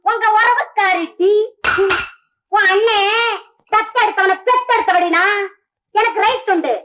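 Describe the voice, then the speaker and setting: An actress playing a loud, quarrelsome married woman, shouting insults in a 1970s film comedy. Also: extremely high pitch, a little slow, highs cut off, background noise.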